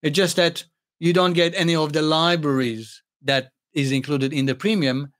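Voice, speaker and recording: A man with a non-native English accent, born outside Australia but living there for over thirty years, hosts a music channel's casual livestream Q&A, answering chat questions in a rambling way with many ums, fillers and restarts. His voice is on the high side and fairly bright, with a steady tone at normal speed.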